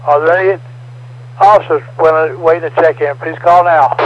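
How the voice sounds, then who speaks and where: A man's voice: on the high side, fairly even intonation, moderate pace, highs cut off. A man acting as net controller, making formal but hesitant procedural announcements over amateur radio. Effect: transmitted over ham radio. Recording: noisy, band-limited ham radio transmission.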